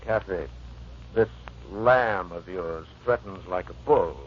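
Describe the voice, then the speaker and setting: A man acting in a radio drama as a brooding, vengeful lover, husky, sardonic and scoffing. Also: sits low, slow pace, slight background noise. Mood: contemptuous menace. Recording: muffled vintage radio recording.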